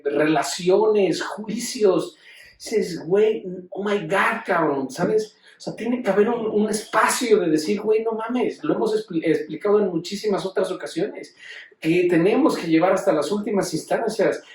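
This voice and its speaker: Mexican man, high voice, casual profane lecturer, recorded from a distance in a roomy space. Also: a little mellow. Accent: Mexican Spanish. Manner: profane, slangy, acts out quoted speech. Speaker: teacher.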